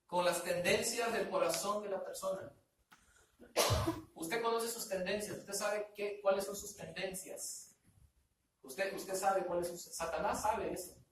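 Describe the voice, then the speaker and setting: A man's voice: high-pitched, steady tone, unhurried. A male pastor preaches in a church with emphatic energy, firing questions at the congregation and repeating words to drive them home. His voice is caught from a distance in a strongly echoing hall, with a faint hiss underneath. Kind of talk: sermon. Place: church sanctuary. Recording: echoey hall, picked up from far off.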